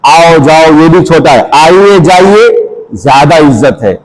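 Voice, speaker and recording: A man teaching children Islamic manners, speaking slowly and repetitively, asking questions and repeating phrases for them. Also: on the high side, over a noisy crowd, poor audio. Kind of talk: slow, repetitive instructional talk.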